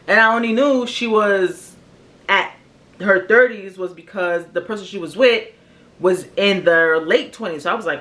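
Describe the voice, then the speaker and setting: Speaking to her viewers with candor, an American vlogger in her early thirties uses slangy, everyday language for a casual personal reflection. Her pitch is medium and her tone a bit bright.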